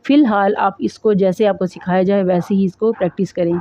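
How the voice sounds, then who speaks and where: A woman with a Pakistani Urdu accent teaching Quran reading, spelling out syllables slowly and drilling them. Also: medium pitch, fairly even intonation, warm tone. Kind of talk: spelling out and recitation drill lesson. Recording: dull, dry close recording.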